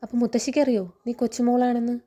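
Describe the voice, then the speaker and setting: Stern middle-aged man as a woman reads him, reproachful, probing questions, fairly high voice, mellow tone. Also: little pitch movement, fast talker, close to an everyday voice.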